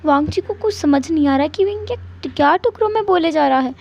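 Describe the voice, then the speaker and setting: A woman's voice: sits high, expressive, brisk, vocal fry, a little mellow, dull audio. A woman narrating fan fiction as a storyteller, slipping English words into her sentences.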